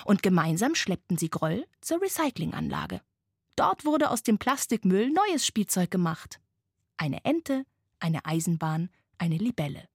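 A woman reading a bedtime story aloud as its narrator, in a soft, slow storytelling manner. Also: fairly low pitch, very animated, breathy edge, no echo, clean studio sound.

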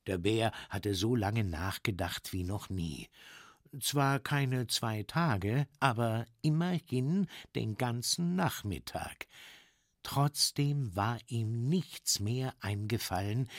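A man reading a children's story aloud, with very expressive, dramatic delivery. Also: slow, no echo, clean studio sound. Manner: very expressive, dramatic swings in pitch.

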